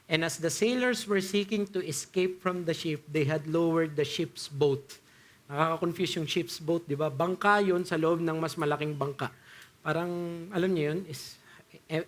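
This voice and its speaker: A young Filipino man preaching a sermon, mixing Tagalog and English, reading scripture slowly and asking the congregation rhetorical questions. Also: sits high, a bit bright. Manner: switches between Tagalog and English, reads scripture aloud slowly.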